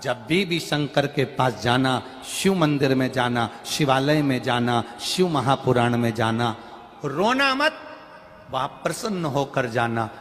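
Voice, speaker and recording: Animated man preaching in a hall. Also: medium pitch. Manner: animated, sing-song preaching with sudden loud rises. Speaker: religious storyteller. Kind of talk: devotional sermon storytelling. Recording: long hall reverb with faint music.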